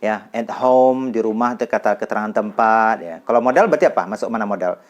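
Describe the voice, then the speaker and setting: A man teaching English grammar in a casual classroom style, repeating example sentences slowly and clearly. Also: lowish voice.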